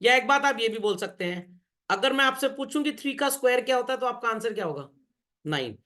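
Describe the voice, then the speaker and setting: Male teacher, high voice, jokey classroom lecture, calls students children, fires quick questions at the class. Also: animated, pushed and bright. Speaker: commerce teacher.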